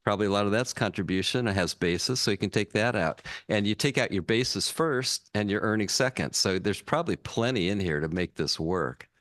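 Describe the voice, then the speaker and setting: A man's voice: on the low side, lively intonation, brisk, hardly any pauses, a bit bright, no echo. A male podcast co-host explaining finance rules plainly in easygoing casual talk.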